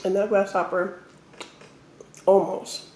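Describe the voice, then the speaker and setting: Mellow woman chatting in an echoey room. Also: mid-range voice, flat delivery, slow, slight background noise. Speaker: mukbang host. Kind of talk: casual storytelling while eating. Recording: roomy, echoey indoor sound.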